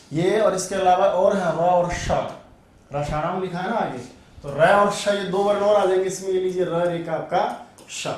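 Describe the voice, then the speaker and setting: A man's voice: on the high side, darkish tone. A male Sanskrit teacher giving an online grammar lesson, drilling sounds aloud and asking and answering his own questions. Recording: very echoey room, voice a bit far from mic.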